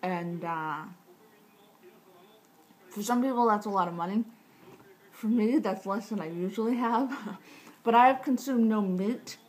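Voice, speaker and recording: Medium-pitched and darkish in tone, this thirtysomething woman speaks at a measured pace with long pauses, her speech tight-jawed after recent jaw surgery. As a vlogger sharing recovery tips, she rambles casually and matter-of-factly to the camera, interrupting herself. The rough recording comes from a camera mic at about arm's length in a small living room indoors, with clear background room noise.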